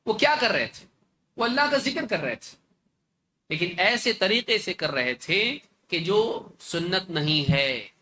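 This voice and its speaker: Male scholar, high bright delivery, animated lecture, faint noise in the recording. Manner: animated, acts out opponents with mocking rhetorical questions. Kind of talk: religious lecture in Urdu.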